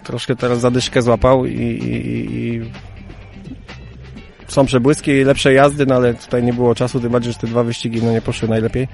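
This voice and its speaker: A man's voice: medium pitch, flat delivery, normal speed, gravelly, a little mellow, faint music behind. A male team coach giving a post-event interview, hesitant and repeating words as he searches for them.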